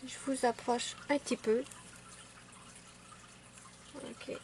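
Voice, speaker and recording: A woman chatting casually at home through a nail art tutorial, self-mocking and quick to apologize. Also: high voice, steady tone, a little mellow, a little hiss or hum.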